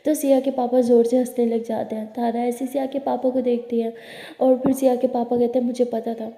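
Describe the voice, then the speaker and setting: A woman storyteller giving a steady, plain scripted narration of a love story, recorded in a roomy space with a long reverb. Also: a little high, brisk.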